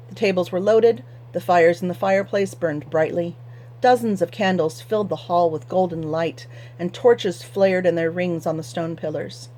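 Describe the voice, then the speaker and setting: A woman reads a fantasy novel aloud for fellow fans. Her voice sits a little low and stays even and measured. She tells the story steadily. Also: a little hiss or hum. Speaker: audiobook reader.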